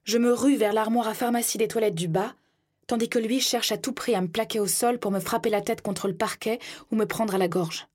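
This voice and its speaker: A woman reading a first-person audiobook in a tense, hushed storytelling manner. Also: on the high side, fairly even intonation, fairly quick. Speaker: narrator.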